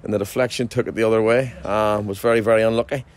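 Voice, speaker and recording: Male football manager, 40s, low voice; loose post-match chat outdoors, lots of restarts. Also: fairly even intonation, quick pace. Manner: chatty, frequent restarts and fillers. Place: outdoors at a football ground at night.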